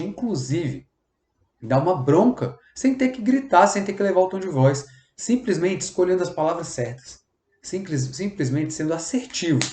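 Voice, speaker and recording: A man with a Brazilian accent giving a lively live talk on workplace communication, speaking straight to his listeners and acting out little exchanges. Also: fairly high pitch, roomy sound. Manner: lively, addresses listeners directly, acts out little dialogues. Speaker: communication coach.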